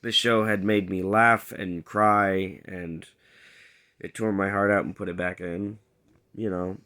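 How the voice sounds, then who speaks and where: A man's voice: sits low, steady tone, a little slow, bright, forceful tone, clear, resonant tone. A man casually recapping a TV episode, rambling with plenty of fillers and hesitations. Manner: rambling, lots of fillers, acts out characters' lines. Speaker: TV show reviewer.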